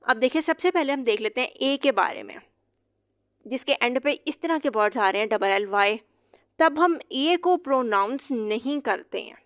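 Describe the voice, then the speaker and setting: A woman teaching an explanatory lesson, patient and repeating each example word slowly. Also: fairly high pitch, expressive, a bit bright, no echo, clean studio sound. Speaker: English teacher.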